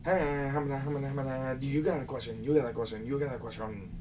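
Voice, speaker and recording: A young man hosts a casual live question session, answering viewer questions in a loose way and lecturing his audience with some exasperation. His mid-range voice moves fast with fairly even intonation. He sits far from the mic, with faint background noise.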